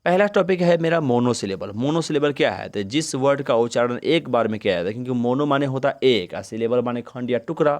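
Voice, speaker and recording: A man teaching a grammar lesson, who keeps asking questions and answering them himself and stretches words out slowly to sound out their syllables. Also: mid-range voice, expressive.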